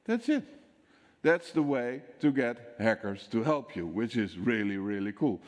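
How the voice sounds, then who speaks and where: A Dutch-accented man from the Netherlands gives a conference talk on security in a medium-pitched voice at a measured pace. A lively storyteller, he acts out dialogue and quizzes the audience with questions. Long hall reverb colours the recording.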